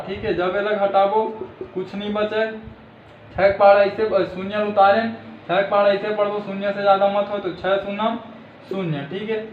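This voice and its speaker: A man with a Chhattisgarhi accent explains a maths exercise patiently, checking in after nearly every step. His voice sits fairly high. The room is echoey and the sound is a little dull, with faint hiss. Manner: repeats "thik hai" as a check-in, addresses viewers as friends. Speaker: maths teacher. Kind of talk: step-by-step classroom lesson.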